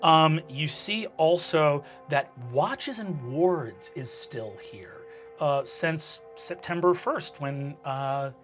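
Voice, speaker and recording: A man's voice: a little high, lively intonation, slow pace, a bit bright. A man narrating a tabletop fantasy game as game master, improvising descriptive scenes and ruling on players' actions. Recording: clear music under the voice.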